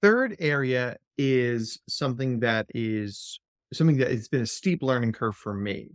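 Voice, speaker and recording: A man, a clinical psychologist, talking as a guest in a podcast interview. He speaks in an animated, playful way and slips into silly voices. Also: mid-range voice, a little slow, no room sound, studio quality.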